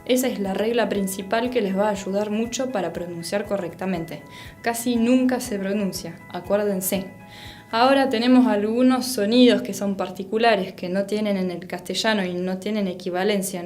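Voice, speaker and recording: A woman's voice: medium pitch, normal speed, a little mellow, faint music behind. A woman whose first language is French, teaching a pronunciation lesson and patiently repeating each sound to model it.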